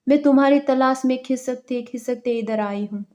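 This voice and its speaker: A woman voicing a loving mother who has returned as a witch, speaking gently to her son in a storybook reading. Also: high-pitched, moderate pace, dull audio, natural voice. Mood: tender.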